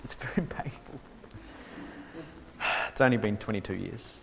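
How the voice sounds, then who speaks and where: A gravelly, lowish voice belongs to a man from New Zealand giving an informal theology workshop lecture in a reverberant hall, with slight background noise. He speaks a little slowly and hesitantly, with many ums and restarts and a dry, self-mocking humour.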